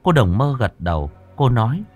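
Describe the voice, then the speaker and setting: A man narrating a ghost story in a slow, somber, dramatic reading. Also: mid-range voice, sing-song, darkish tone, faint music behind.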